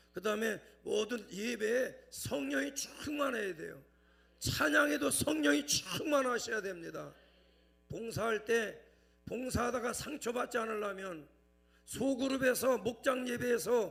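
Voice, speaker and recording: A man's voice: vocal fry, a bit bright. A middle-aged male pastor preaching a folksy sermon, calling out for amens and hallelujahs and telling humorous anecdotes in between. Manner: tells a humorous anecdote in a lowered, chatty tone.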